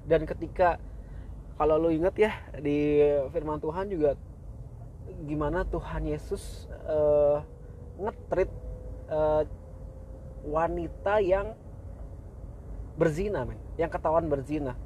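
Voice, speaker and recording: Slangy young man, high-ish voice. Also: takes it slowly, long pauses, dark tone, a little hiss or hum, rough recording. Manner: slangy, laid-back, many fillers and laughs. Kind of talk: casual faith talk.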